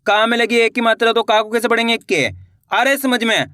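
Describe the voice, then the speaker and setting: Guy teaching kids to read, sounds out each syllable slow, bright high voice, super dry close mic. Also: steady tone, dry recording. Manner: asks the viewer questions, then answers them himself. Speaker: Hindi reading teacher. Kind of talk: online reading lesson for beginners.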